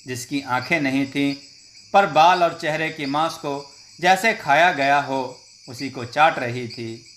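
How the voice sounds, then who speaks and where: A man narrating a scripted horror story in a slow, dramatic storytelling manner. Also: a little high, fairly bright tone, slight background noise.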